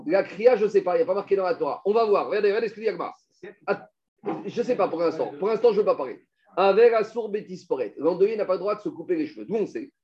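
A man's voice: high-pitched, lively intonation, fast talker, lo-fi sound. A man teaching a Talmud class, explaining step by step and putting questions to his students.

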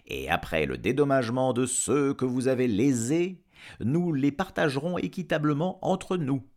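A man's voice: medium pitch, lively intonation, moderate pace, darkish tone, voice pushed up, close to an everyday voice. A man voicing a solemn village rector who declaims formally, in a storybook reading. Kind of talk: audiobook reading.

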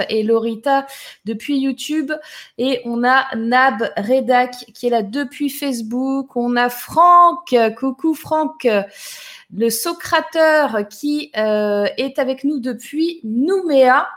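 A woman hosting a live stream, chatting casually and greeting viewers by name. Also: sits high. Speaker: live show host.

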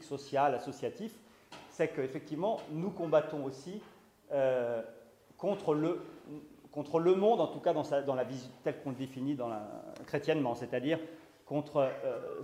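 The speaker is a male lecturer at a conference whose fairly high, slightly mellow voice is full of hesitant restarts and fillers. He delivers key words with rising emphasis. The room echoes noticeably.

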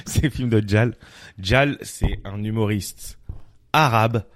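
A man's voice: on the low side, takes it slowly, no room sound. Man in casual podcast banter, dry sound. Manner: relaxed slangy banter. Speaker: podcast co-host.

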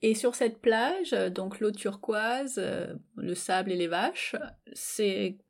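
A woman hosting an interview, asking relaxed questions with playful follow-ups. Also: mid-range voice, takes it slowly, gravelly. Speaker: interviewer host. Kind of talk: casual conversational interview.

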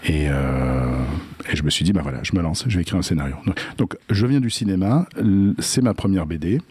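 Deep husky Québécois man. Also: a little mellow, no echo. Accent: Québécois French. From Quebec. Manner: halting, many repeated words and fillers. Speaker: comic book scriptwriter, filmmaker. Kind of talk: casual interview.

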